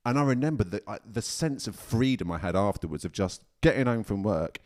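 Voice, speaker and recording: Matey low-voiced podcast host. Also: male voice, brisk. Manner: matey, swears freely, jokey. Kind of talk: casual chat.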